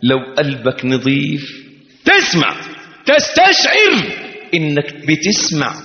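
A man's voice: a little high, huge pitch swings, slow pace. A man preaching a sermon with an Egyptian accent, impassioned and chanting verses. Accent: Egyptian Arabic. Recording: echoey hall, dull lo-fi sound.

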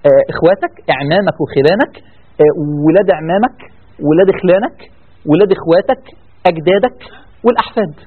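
A preacher with an Egyptian Arabic accent delivers a religious talk fast, in a high-sitting, slightly rough voice. He is animated, firing off rhetorical questions and acting out the excuses his listeners make, and the sound is tinny and phone-like.

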